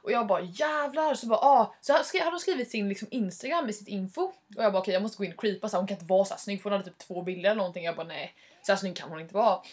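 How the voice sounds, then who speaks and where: A young woman casually telling a story to a friend, animated, acting out her own reactions and swearing freely. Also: mid-range voice, breathy edge.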